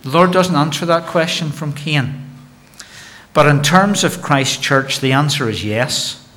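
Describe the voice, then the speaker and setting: A man's voice: fairly high pitch, unhurried, bright, forceful tone. Earnest male minister preaching. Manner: earnest, exhorting, repeats words when starting phrases. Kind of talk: sermon.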